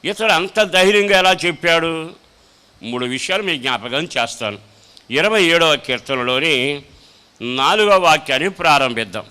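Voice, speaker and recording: A man's voice: fairly high pitch, lively intonation, moderate pace, long pauses, pushed and bright, clear, resonant tone. A man, a pastor, preaching a sermon with emphatic repetition and rising conviction. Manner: echoes his own scripture reading line by line.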